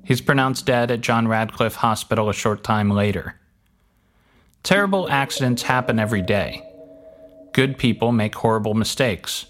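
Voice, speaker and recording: A man's voice: mid-range voice, normal speed, fairly bright tone. A man hosting a podcast, reading scripted narration in a dry, wry way with casual swearing. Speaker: podcast host. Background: faint music.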